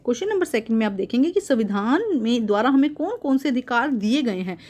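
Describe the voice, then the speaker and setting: A woman's voice: a little high, lively intonation, fast talker, a little mellow. A woman teacher goes through a school worksheet, reading each point and then explaining it again in simple words, mixing in English terms.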